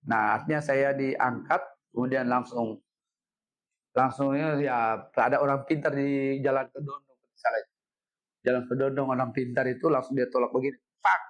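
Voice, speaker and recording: A middle-aged man, a guest telling a story in an interview, animated, repeating himself and ending lines with "Pak". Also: mid-range voice, moderate pace. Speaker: head of city education office, guest.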